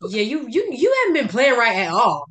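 A woman co-hosts a loose podcast chat. She jokes and calls out her friends in an animated, lively way. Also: on the high side, fairly quick. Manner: animated, joking, accusing. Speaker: podcast co-host.

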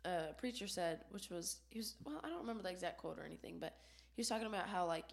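Sick young woman, hoarse and sniffly, talks super fast and rambles. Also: on the low side, lively intonation. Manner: rambling, heavy use of "like" and "um". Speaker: podcast co-host.

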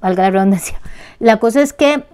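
A Costa Rican woman hosting a casual spiritual talk, blunt, colloquial and animated. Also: medium pitch, fairly quick, clean tone.

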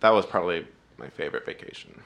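A man chatting casually on a podcast as a guest, hesitant and full of fillers, joking with a deadpan delivery. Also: low voice, quick pace, vocal fry.

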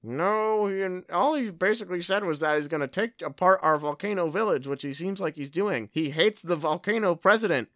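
A man voicing a calm captured smoke boy, soft and steady. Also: high-pitched, brisk, hardly any pauses, no echo, studio quality. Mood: explaining. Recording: guitar playing behind.

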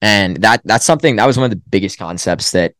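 A man's voice: lowish voice, lively intonation, fast, a bit bright, dry recording, studio quality. A young man, a college runner, telling a story in a casual podcast interview, acting out his own self-talk. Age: young adult. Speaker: guest, college track runner. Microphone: podcast microphone.

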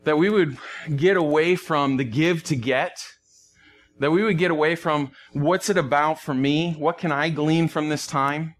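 A man's voice: fairly high pitch, unhurried, soft background music. A man speaking as a pastor, earnest and conversational, repeating phrases for emphasis as he preaches or prays. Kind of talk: sermon and closing prayer.

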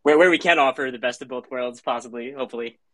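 A man speaking as a panelist in a casual tech discussion, halting and repeating words as he goes. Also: medium pitch, fairly bright tone, no echo.

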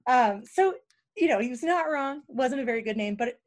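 Bubbly high-voiced woman telling stories. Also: moderate pace. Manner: animated, laughs often, acts out quotes. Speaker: podcast guest. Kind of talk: casual storytelling interview.

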